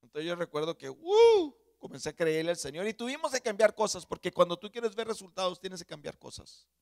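Male pastor, slightly high voice, dry close sound, animated sermon delivery that swings loud to soft. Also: fast talker, gravelly, no room sound. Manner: animated, shifts from shouting to near-murmur. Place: church sanctuary.

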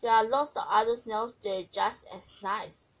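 A woman's voice: a little high, fairly even intonation, a little slow, a bit bright, poor audio. A woman reading aloud and voicing a practical mother who gives firm, matter-of-fact instructions.

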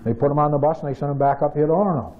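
A man's voice: a little high, rapid-fire. A man, telling a folksy story in a dry, drawling way. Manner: dry, drawling yarn-spinner. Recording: dull lo-fi radio audio.

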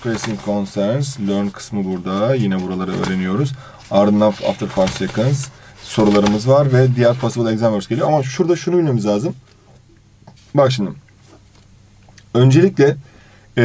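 A man's voice: fairly low pitch, normal speed, slight background noise. A man teaching an exam review lesson, reading out English phrases and translating each one while fondly addressing his student. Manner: animated intonation.

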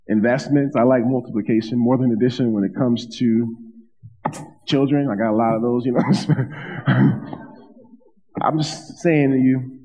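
A man in his thirties preaching a sermon from a church pulpit, talking conversationally with asides and repeated phrases. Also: mid-range voice. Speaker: pastor. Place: church stage at a wooden pulpit. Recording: dull sound with long hall reverb.

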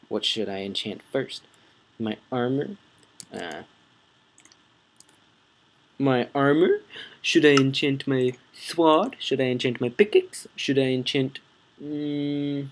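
This young man runs a gaming channel and speaks in a husky, medium-pitched voice. He rambles and corrects himself as he narrates his play and chats with viewers.

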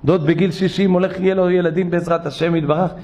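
A man, a rabbi, giving a sermon in a synagogue, telling stories and voicing the people in them. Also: sits high. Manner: animated storytelling, acting out voices; rises to loud exhortation.

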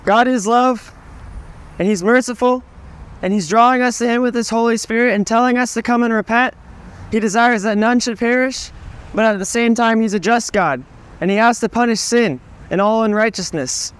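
A man's voice: very high voice, normal speed, clear, resonant tone. Young man reading scripture on the street. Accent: Southern US. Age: young adult. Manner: steady, reads scripture, then speaks plainly with fillers. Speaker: street preacher. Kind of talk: open-air street preaching and scripture reading. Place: outdoors on a town street.

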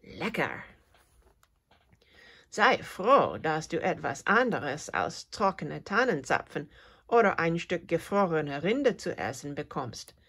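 A woman voicing a small, cheerful male cricket who is cold and hungry, with a thin, high, chirpy voice, in a storybook reading. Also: very animated, takes it slowly, fairly bright tone, slightly rough, exaggerated voice. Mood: eager.

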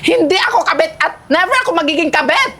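An indignant homeowner in a short film drama, fending off accusations in a very high, lively voice. She talks dramatically and with exasperation, with clear outdoor noise around her. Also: fast, exaggerated voice.

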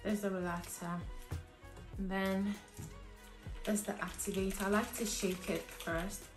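Sitting at home in her living room, a young woman gives a relaxed, step-by-step hair tutorial in an unhurried, mid-range voice with little pitch movement. A cold leaves her slightly hoarse, and she fills in with ums and restarts. The camera sits in front of her at desk distance, and the room echoes with soft background music.

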